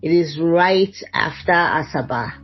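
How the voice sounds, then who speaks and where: Woman author being interviewed, kinda husky and lowish, bit dull lo-fi sound, lots of um and restarts. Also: a little slow, soft background music. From United States and Nigeria. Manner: warm storytelling with frequent restarts and "um"s. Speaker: guest author. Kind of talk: conversational interview.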